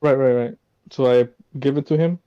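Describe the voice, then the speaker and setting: A man's voice: mid-range voice, normal speed, smooth, lo-fi sound. A man casually role-playing as a tabletop game player, laid-back and a little tentative. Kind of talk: casual role-play chat.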